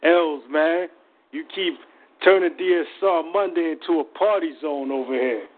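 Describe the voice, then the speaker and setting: A man's voice: on the high side, moderate pace. A man hosting a casual call-in radio show in a slangy, encouraging way. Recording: narrow phone-like radio stream.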